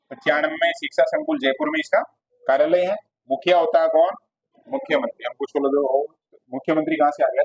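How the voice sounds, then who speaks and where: A male teacher gives a classroom lecture, his voice sitting a little high for a man. He asks his students questions and then answers them himself. The recording is dull and lo-fi. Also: a little mellow, breathy edge.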